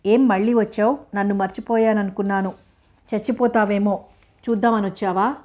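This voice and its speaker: A feverish, jealous young woman from a storybook, accusing and bitter, as a woman narrator reads her lines. The voice is low-key and warm, with a narrow, even melody. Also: fairly quick, natural voice. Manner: reproachful, accusing.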